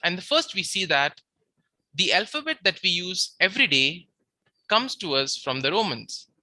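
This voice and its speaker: A very bright, sharp-toned teacher delivers a beginner grammar lecture in a methodical, step-by-step way. The voice sits close to the mic in a dry, dead space, and each example word is repeated slowly. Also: mid-range voice, very animated, no echo. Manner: habitually says "we see". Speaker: Latin teacher.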